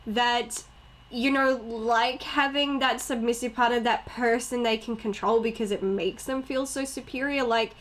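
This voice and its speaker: Animated young woman chatting about films. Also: fairly high pitch, measured pace. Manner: animated, laughs often, acts out quotes. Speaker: podcast co-host. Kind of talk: casual movie chat.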